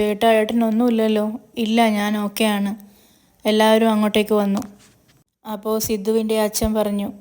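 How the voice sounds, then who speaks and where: A woman narrating a recap of a TV serial episode, reading the characters' lines in an even, unhurried way. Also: medium pitch. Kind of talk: storytelling recap with voiced quotes.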